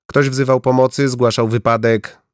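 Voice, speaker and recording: A man's voice: mid-range voice, little pitch movement, moderate pace, no echo, studio quality, pitched above the performer's own voice, lightly acted. A man voicing a tense young policewoman in an audiobook, speaking urgently and giving orders. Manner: urgent and commanding.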